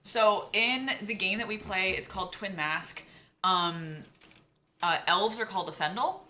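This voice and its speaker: A woman's voice: medium pitch, measured pace, pushed and bright, a little hiss or hum. A young woman guest in casual chat, laid-back and giggly, swearing now and then.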